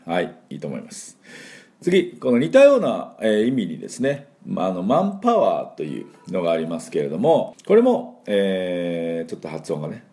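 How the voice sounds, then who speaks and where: Deep-voiced man teaching pronunciation playfully. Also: very animated, normal speed, mellow. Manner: playful, acts out sounds and exaggerated drills. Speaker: English pronunciation teacher and host. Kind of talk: lively pronunciation lesson.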